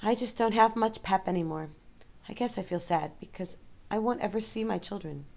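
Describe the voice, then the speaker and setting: Woman doing a tired wise spider lady, soft and slow, gravelly edge, storybook reading. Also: mid-range voice, natural voice. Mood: sad. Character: female spider, wise, weak and fading. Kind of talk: audiobook character voice.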